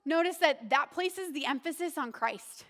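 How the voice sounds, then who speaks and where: A woman's voice: high-pitched, expressive, moderate pace, a bit bright. A woman pastor preaching a sermon in a conversational, earnest way, often asking the listeners questions.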